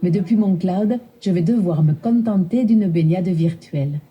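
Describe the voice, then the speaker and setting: A woman's voice: lowish voice, normal speed, husky, highs cut off. A synthetic woman's voice playing a chirpy female voice assistant with a put-on Southern French accent and playful regional slang. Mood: cheerful.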